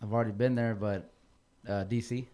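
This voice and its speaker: A man's voice: lowish voice, fairly even intonation, brisk, dark tone. A man from Texas co-hosting a podcast, telling stories in casual chat with fillers. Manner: friendly storyteller with fillers.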